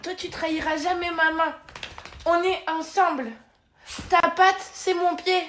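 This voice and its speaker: A woman's voice: very high-pitched, little pitch movement, a little slow, a bit bright, slight background noise, voice pushed up. Woman doing cooing baby talk to her dog. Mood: doting.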